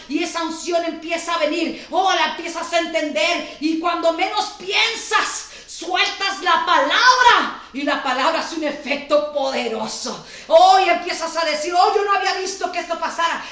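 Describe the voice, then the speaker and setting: Woman preacher, high bright voice, fervent sermon delivery, shouted declarations and soft pleading, echoey room. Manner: impassioned, swinging from shouted declarations to hushed pleading.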